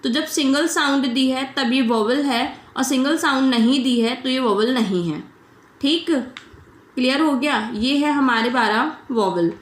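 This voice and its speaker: A woman with a high voice gives a shorthand lesson online, taking it one step at a time. She keeps asking questions and answering them herself, and drops English terms into her sentences. Her voice carries a roomy echo. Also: unhurried. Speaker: shorthand teacher.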